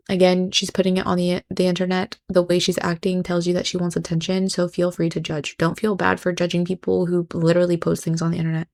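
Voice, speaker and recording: Woman host, low and fry-heavy, sarcastic and judgmental in her reactions. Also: darkish tone. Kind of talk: reaction commentary.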